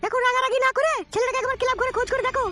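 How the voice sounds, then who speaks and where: Woman voicing a nagging anxious village mother, shrill high voice, music behind. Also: flat delivery, very fast, sharp tone. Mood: worried. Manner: shrill, scolding and pleading. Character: worried nagging village mother arguing with her husband. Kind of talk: comic audio drama. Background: background music.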